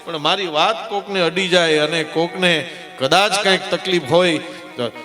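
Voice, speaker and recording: On a temple event stage, a folk storyteller and humorist with a Kathiawadi Gujarati accent delivers dayro in a bright, forceful, somewhat high voice at a moderate pace. He speaks emphatically, jokes, keeps saying "saheb" to the listeners, and rattles off rhyming lists rhythmically. The sound comes through a live PA with long hall reverb and soft background music.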